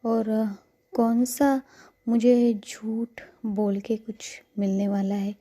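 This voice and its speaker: This is a tender, caring young woman comforting her friend, as a woman storyteller puts her on. She speaks slowly in a hushed, coaxing half-whisper, with a mellow, slightly high voice. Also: level tone.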